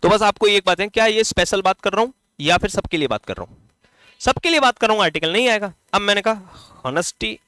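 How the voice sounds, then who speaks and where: A man with a Hindi accent delivers a grammar lecture in a fairly high voice, firing questions at his class and supplying the answers himself. He slows down and stretches words while writing examples out. The sound is dry and close, with no room echo. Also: pushed and bright, clean tone. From India. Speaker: English grammar teacher.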